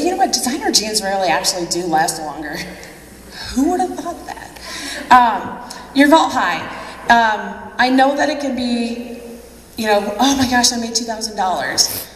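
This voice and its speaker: A woman's voice: on the high side, slight background noise. A woman giving a chatty motivational speech at a convention. She laughs often and acts out what other people said. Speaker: convention speaker. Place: large convention hall. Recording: echoey hall from a distant mic.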